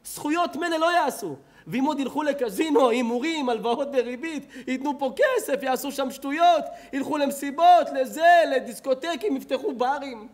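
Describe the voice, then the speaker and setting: A man, a rabbi with an Israeli Hebrew accent, preaching a sermon in a synagogue hall, swinging between loud outbursts and low murmurs. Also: hardly any pauses.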